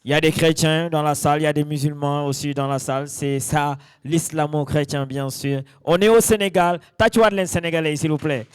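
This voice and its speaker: A man playing a genial celebration master of ceremonies in a drama, announcing haltingly with many pauses. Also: on the high side, steady tone, clean tone, no room sound, close to an everyday voice.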